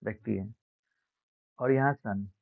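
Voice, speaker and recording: A man teaching an exam-prep science lesson, speaking slowly and repeating key words, asking questions and answering them himself. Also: fairly low pitch, gravelly, no echo. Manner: slow, repetitive, asks and answers own questions. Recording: dry, phone-like narrow sound.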